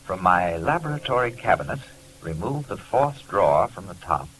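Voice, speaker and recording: An actor playing a stern, alarmed gentleman doctor in 1940s radio drama, with a formal manner. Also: deep voice, sing-song, normal speed. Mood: solemn reading. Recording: noisy 1940s radio recording with hum.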